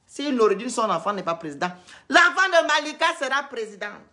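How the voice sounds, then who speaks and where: A woman's voice: fairly high pitch, sing-song, brisk, pushed and bright. A woman from Gabon, scolding and lecturing her viewers in a heated, repetitive live-stream rant.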